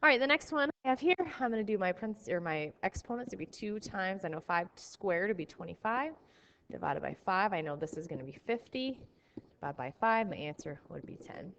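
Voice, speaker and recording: A woman's voice: mid-range voice, lively intonation, brisk, fairly bright tone, lo-fi sound, a little hiss or hum. A woman teacher explaining math problems to her class, talking through each step aloud in a recorded lesson.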